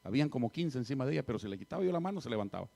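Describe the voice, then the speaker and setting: A middle-aged man preaching a sermon as pastor, telling a story and swinging from loud passages to hushed ones. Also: mid-range voice, very animated, rapid-fire, creaky.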